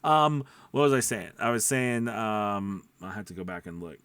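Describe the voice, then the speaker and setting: A man with a lowish, clear, resonant voice and a fairly bright tone coaches at a moderate pace with lively intonation, in a recording with no echo. He's a voice-over coach and mentor whose informal, emphatic style rambles and interrupts itself, punctuated by frequent short questions.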